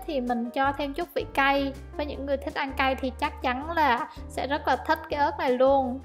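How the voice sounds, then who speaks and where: High-voiced chatty woman. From Vietnam. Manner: chatty, friendly step-by-step explaining. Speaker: cooking vlogger. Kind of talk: casual cooking voice-over. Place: home kitchen. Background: soft background music.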